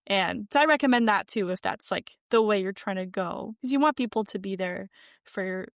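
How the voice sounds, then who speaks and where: A chatty young woman talking over a video call from her yarn-filled room. Her voice sits at an ordinary middle pitch, and the sound is dry and close. She peppers her talk with "like" and leans hard into the words she wants to stress. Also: moderate pace, creaky, dry recording. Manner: chatty, many "like" fillers, animated emphasis. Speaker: podcast guest, sewing content creator. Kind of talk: casual interview chat. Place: home room with yarn shelves.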